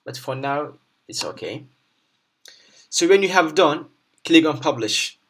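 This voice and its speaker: A man presenting an unscripted screen tutorial step by step, haltingly, often repeating and rephrasing his instructions. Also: a little high, animated, a bit bright.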